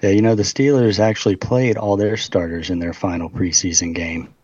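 A man co-hosting a casual sports podcast over a muffled remote call, talking in a measured way, running through facts with fillers. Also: deep voice, steady tone, darkish tone, husky, dry recording. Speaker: podcast co-host.

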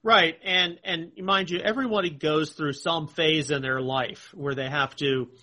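A man with a fairly high, bright voice co-hosts a podcast. He chats casually and tells his story in an easy, anecdotal way. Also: fairly even intonation, a little slow. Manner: chatty, anecdotal. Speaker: podcast co-host. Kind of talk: casual conversation.

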